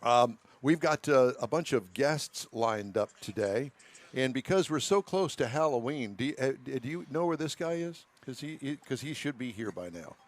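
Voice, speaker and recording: A man's voice: medium pitch, animated, normal speed. A folksy, jokey man hosting a live radio show with casual, rambling chat. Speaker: radio car show host. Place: live remote broadcast at a car show. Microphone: broadcast headset.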